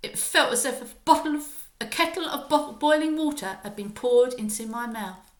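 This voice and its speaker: Reading a children's story aloud at normal speed, this woman sounds like a primary school teacher, her narration expressive, emphatic and dramatic. Her voice sits high, and the room is echoey.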